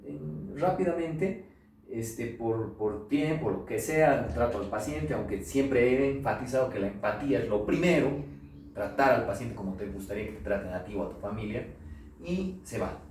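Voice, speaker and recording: A man's voice: medium pitch, normal speed, slight background noise. A middle-aged pathologist with a Bolivian Spanish accent, giving a lecture full of anecdotes and acting out the voices he quotes. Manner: animated storyteller, acts out quoted voices. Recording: roomy echo, voice from far off.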